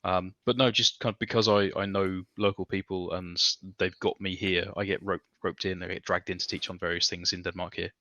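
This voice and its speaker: A British man in his thirties chatting casually as a podcast guest, animated and self-deprecating. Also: low voice, brisk, hardly any pauses, dry recording, muffled recording. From Coventry, England. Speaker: podcast guest, academic researcher. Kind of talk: casual, chatty interview answers. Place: home room, video call.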